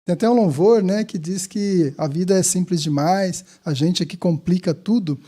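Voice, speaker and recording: High, mellow-voiced Brazilian pastor. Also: male voice, moderate pace. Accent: Brazilian Portuguese. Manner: preachy, emphatic advice. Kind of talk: podcast conversation.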